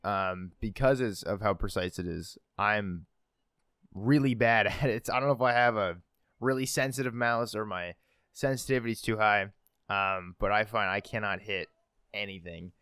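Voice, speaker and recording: A man co-hosts a podcast in loose, casual chat. His voice sits low and smooth, close and dry with no room around it. He rambles, fills gaps with ums and laughs at his own shortcomings. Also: normal speed, a bit bright, no echo. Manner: rambling, filler-heavy, laughs at himself. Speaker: podcast co-host.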